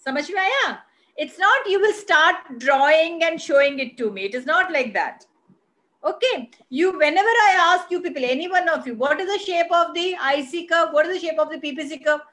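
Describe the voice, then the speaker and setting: High-voiced Indian woman teaching a class. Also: lively intonation, fairly quick, fairly bright tone. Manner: instructive, repeats phrases for emphasis; switches between English and Hindi. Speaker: economics teacher. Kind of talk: online class teaching, question and answer. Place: online video call class.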